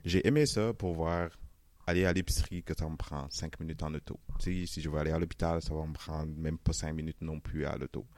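A young man with a very low, deep voice speaks French with a Senegalese accent softened toward Canadian French. He talks in a relaxed, chatty way, laughing often and dropping casual fillers. The sound is close and dry, with no room echo. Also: brisk. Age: young adult. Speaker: interviewee. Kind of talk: casual interview.

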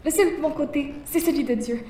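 A woman's voice: high voice, brisk, mellow, a little hiss or hum, natural voice. A woman playing a pious, self-righteous teenage boarder who stammers and pleads, in an audio drama. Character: pious prim teenage boarding-school girl. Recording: roomy, distant mic.

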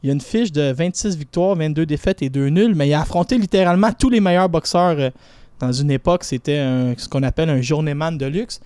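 Playful Quebec French man with a mellow voice. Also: on the high side, a little fast, clean tone, no echo. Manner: playful, chatty, stretches out names. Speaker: boxing segment contributor. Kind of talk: casual radio segment, counting down a list.

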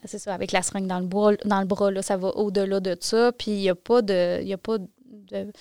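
A woman's voice: medium pitch, level tone, brisk, dark tone, smooth, dry recording, clean studio sound. A woman with a Quebec French accent explaining things in a casual podcast discussion, thinking aloud with many restarts.

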